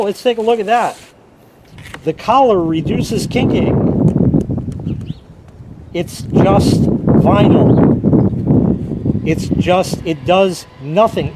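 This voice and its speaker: An American man rambling casually, with a profane and opinionated manner, recorded outdoors. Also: high-pitched. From United States. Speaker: vlogger. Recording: loud wind and traffic noise.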